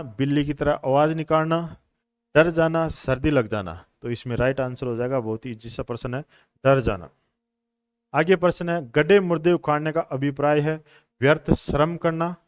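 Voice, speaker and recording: A man's voice: medium pitch, clean tone, dry recording, clean studio sound. A man teaching a coaching class on questions. He explains each answer patiently, repeats the answers and calls his students brothers and friends. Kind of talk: classroom lecture on Hindi exam questions.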